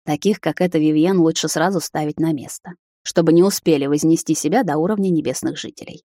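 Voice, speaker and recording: A composed, courteous vampire lord, read by a woman, speaking slowly and a touch lower than her usual voice. It is recorded close and dry. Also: no echo. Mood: calm. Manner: measured, quiet and courteous. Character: calm, protective male vampire lord.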